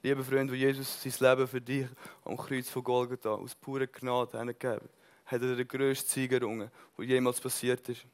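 Male preacher, passionate, surges loud then drops soft, mid-pitched voice. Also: little pitch movement, a little fast. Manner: passionate, swings between loud bursts and soft intensity; mixes in English words. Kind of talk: sermon.

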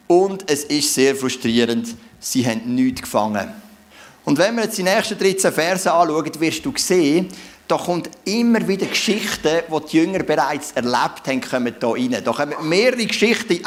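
A man with a Swiss German accent delivers a sermon as a chatty retelling. His voice sits a little higher than most men's, and he keeps checking in with the listeners through rhetorical questions. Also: expressive, moderate pace. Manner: conversational storytelling with rhetorical questions. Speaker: preacher.

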